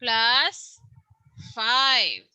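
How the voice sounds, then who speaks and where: A woman teacher with a high, very bright voice runs a science review at an unhurried pace. She reads each question and its answer choices aloud, then patiently checks her students' answers. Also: animated, smooth, dry recording, highs cut off. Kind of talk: online science review lesson.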